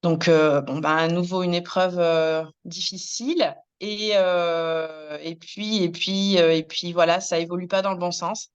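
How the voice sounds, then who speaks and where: A woman in her thirties, a hairdresser, recounting her career in a hesitant interview, with many pauses and restarts. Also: fairly low pitch, fairly even intonation, clear, resonant tone, muffled recording. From France. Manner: many fillers and restarts, soft laughs. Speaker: hairdresser and business founder, interviewee. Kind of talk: hesitant personal storytelling.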